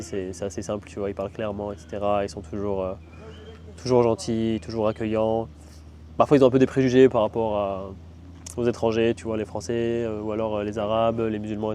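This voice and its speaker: A man's voice: fairly low pitch, warm tone, a little hiss or hum. A young man telling a travel story in a casual, slangy, rambling way, full of fillers. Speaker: travel vlogger.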